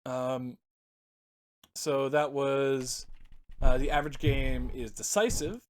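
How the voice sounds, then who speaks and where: A man's voice: mid-range voice, fairly even intonation, a little slow. Rambling man on a casual podcast. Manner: rambling, laughs often, searches for words. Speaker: podcast co-host. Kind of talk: casual chat about card games.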